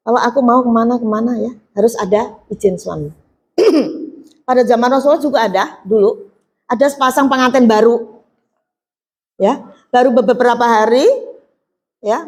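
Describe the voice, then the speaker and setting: A middle-aged woman gives a religious talk to an audience of women. Her voice sits a little high, and she acts out the dialogue in her stories and keeps asking her listeners questions. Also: normal speed, pauses often. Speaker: preacher.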